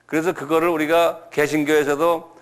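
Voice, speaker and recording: A man's voice: on the high side, little pitch movement, normal speed, clean tone. A middle-aged male pastor giving a Bible lecture, asking the listeners questions and answering them himself, repeating key words. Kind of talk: sermon-style Bible lecture.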